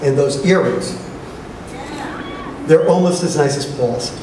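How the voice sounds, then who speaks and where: Middle-aged father of the bride, echoey hall speech. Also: a little high. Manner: deliberate public speaking with pauses and dry joking. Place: large room at a wedding reception. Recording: echoey reception hall, distant mic, noisy crowd. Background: guests and crowd noise.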